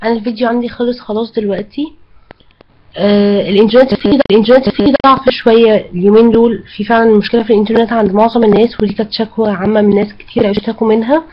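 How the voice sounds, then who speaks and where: A woman's voice: a little high, fairly even intonation, very fast, muffled recording, slight background noise. A woman with an Egyptian Arabic accent, teaching English to an online class in a chatty way and often correcting herself. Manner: chatty, self-correcting, apologetic asides. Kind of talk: casual online class explanation.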